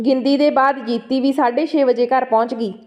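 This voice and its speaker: A woman's voice: high voice, fairly even intonation, fairly quick, a little mellow, lo-fi sound. A woman with a Punjabi accent reading a story aloud as narrator, voicing the dialogue along with the narration.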